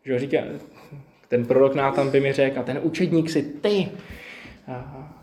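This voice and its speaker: A man's voice: mid-range voice, steady tone, darkish tone, roomy sound. A man giving a personal, reflective sermon in a conversational way, acting out his own inner dialogue. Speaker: preacher.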